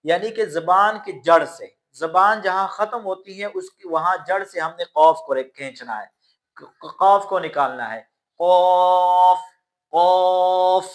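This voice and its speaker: A man teaching Quran pronunciation, stretching out each letter sound and then calmly explaining how to make it. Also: sits high. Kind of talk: slow letter-by-letter pronunciation lesson.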